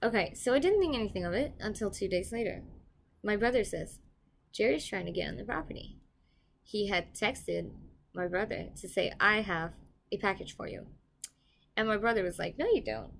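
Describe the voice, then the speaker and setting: A young woman tells a story in a casual vlog, jumping from loud excited bursts to low, hushed asides. Her voice sits at a middle pitch, with a faint hiss of background noise under it. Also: gravelly. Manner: animated, swings loud and quiet, swears casually. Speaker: property manager telling a story.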